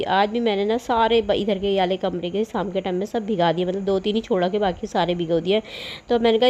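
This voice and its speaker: A middle-aged mother narrates her home video in a loose, chatty voice-over, laughing now and then. A cold has left her with a sore throat. Her pitch sits in a plain middle range. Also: mellow. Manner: chatty and rambling, often laughing. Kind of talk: casual voice-over chat about housework.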